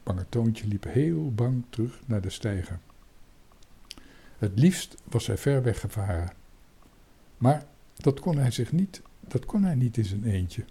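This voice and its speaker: Husky-voiced man reading a children's story. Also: medium pitch, takes it slowly, long pauses. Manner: lively expressive reading, voices for the characters. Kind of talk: reading a children's book aloud.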